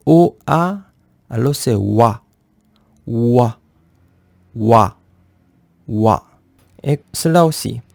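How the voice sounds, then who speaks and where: Slow, mellow-voiced male language teacher. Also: mid-range voice, no echo. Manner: slow, halting, repeats each sound several times. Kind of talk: beginner language lesson.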